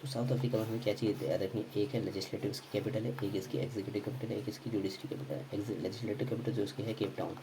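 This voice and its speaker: A man teaching a quick geography revision lesson, repeating names over and over and correcting himself as he goes. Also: fairly low pitch, fairly even intonation, noisy background. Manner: quick, repetitive drilling with frequent self-corrections and fillers.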